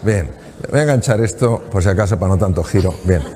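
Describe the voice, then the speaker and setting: A doctor giving a motivational talk on stage into a microphone, telling a patient anecdote in a lively way and acting out the dialogue. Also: male voice, sits low, fast talker, in a large hall. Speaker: doctor and speaker.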